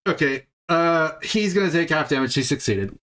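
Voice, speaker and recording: A man's voice: a little high, animated, normal speed, a bit bright. Man patiently running a tabletop game. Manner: explains rules patiently, thinking aloud with restarts. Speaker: game master.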